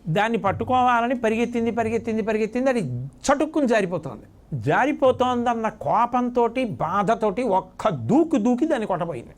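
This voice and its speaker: A man's voice: very high voice, lively intonation, fairly quick. A man giving a devotional sermon, telling a story vividly and repeating words for effect. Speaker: spiritual discourse speaker.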